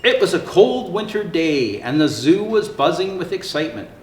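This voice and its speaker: A man reads a children's picture book aloud in the role of a jolly old Santa Claus, his high voice swooping with theatrical, sing-song expression. He speaks at normal speed but takes his time, in a cheerful storytelling mood. The room gives a clear, roomy echo with faint background noise.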